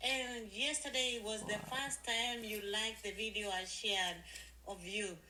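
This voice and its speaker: A woman's voice: mid-range voice, fairly even intonation, a little slow, bright, forceful tone, slight background noise, poor audio. A woman in her forties chatting casually on a live stream, effusive and repeating herself, talking into her phone. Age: 40s.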